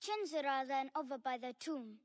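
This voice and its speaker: A woman's voice: sits high, expressive, normal speed, dry recording, studio quality. A woman voicing a small, anxious village child in a video game, hesitant and worried.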